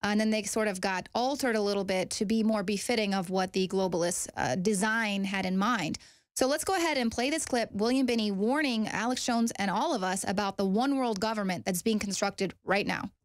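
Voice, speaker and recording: A woman's voice: medium pitch, a little fast, dry recording, studio quality. Upbeat woman news presenter. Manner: eager, upbeat delivery. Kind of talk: scripted news commentary.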